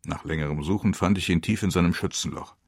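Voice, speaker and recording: Deep gravelly man reading a war memoir. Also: quick pace, darkish tone, dry recording, studio quality. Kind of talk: scripted first-person narration.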